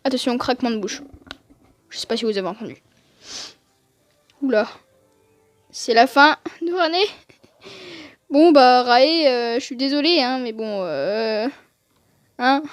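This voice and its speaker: A woman with a high-pitched voice chatting through her gameplay, joking and poking fun at herself. She talks close to a desk microphone, and the sound is dry, with no room echo. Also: animated, measured pace, pauses often, soft background music. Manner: joking, chatty, self-mocking. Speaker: gaming video host. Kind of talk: casual gameplay commentary.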